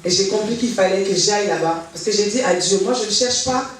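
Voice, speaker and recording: A woman's voice: mid-range voice, a little fast. A woman giving a personal church testimony, telling her story with animation and acting out the dialogue she remembers. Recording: very echoey hall, voice from far off, faint noise.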